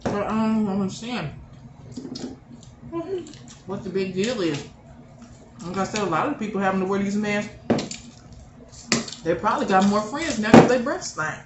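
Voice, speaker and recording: A woman's voice: medium pitch, moderate pace, pauses often, dull audio. A middle-aged woman hosting a casual eating chat with her daughters, blunt and joking in an outspoken way. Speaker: mother and channel host. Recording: echoey room with steady background noise.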